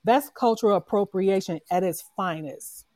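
A woman's voice: medium pitch, moderate pace, dark tone, dry recording. A woman speaking as a panel guest in a casual online audio room, making her case earnestly and growing impassioned. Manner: earnest, building into impassioned argument.

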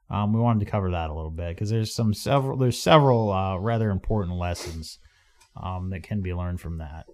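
Low-voiced man hosting casual chat. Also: darkish tone. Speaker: podcast host.

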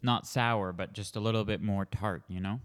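A man's voice: fairly low pitch, fairly even intonation, moderate pace, clean tone. A man, chatting casually and a little hesitantly as he tastes food for a review. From Canada. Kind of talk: casual chat while tasting food. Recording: echoey room with long reverb.

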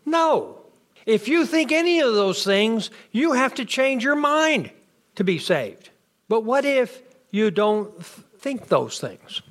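A man's voice: extremely high pitch, expressive, slow, a bit bright. A man teaching a bible class, firing off questions and answering them himself. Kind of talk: interactive bible class lecture.

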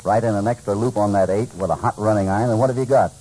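An actor playing a shrewd, self-assured American cowboy hero, measured and commanding, in old-time radio western style. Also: male voice, on the low side, mellow, husky, low-quality recording. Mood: confident.

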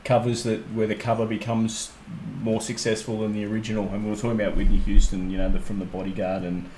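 A man's voice: fairly low pitch, level tone, quick pace, darkish tone, a little hiss or hum. Rambling man in an echoey room. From Australia. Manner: rambling, repeats words while searching for phrasing. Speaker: podcast host. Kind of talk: casual chat.

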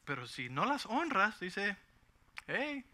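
Pastor, middle-aged man, high bright tone, conversational sermon with frequent check-ins. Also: big pitch swings, slow. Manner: conversational, asks for agreement often.

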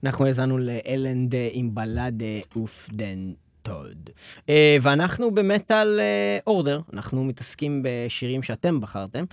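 A man's voice: medium pitch, big pitch swings, dry recording, studio quality. A man hosting a radio request show, bantering playfully and teasing with repeated words.

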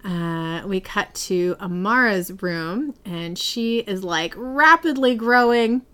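A woman retelling a TV episode in a relaxed podcast chat, with lively, swooping pitch and a chatty, giggly way of telling it. She sounds animated and casual, with her pitch in a middle range. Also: slow, clear, resonant tone. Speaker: podcast host recapping a TV episode.

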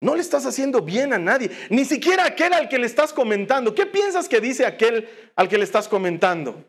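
A man's voice: very high-pitched, big pitch swings, fairly quick, fairly bright tone, slightly rough. A middle-aged man, a pastor, preaching a sermon in an earnest way and firing rhetorical questions at his listeners.

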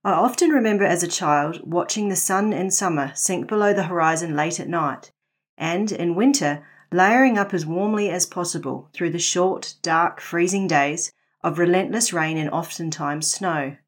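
A middle-aged woman with a New Zealand accent reads a scripted devotional for her podcast. Her voice is fairly low, and she delivers it in a measured, earnest way, slowing down so key lines can land.

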